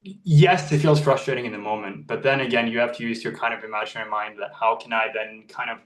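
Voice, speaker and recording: In a rough, roomy recording made with a distant mic, a young Norwegian man speaks at medium pitch and a quick pace. He is an actor and model giving a casual, earnest interview, often beginning his phrases again.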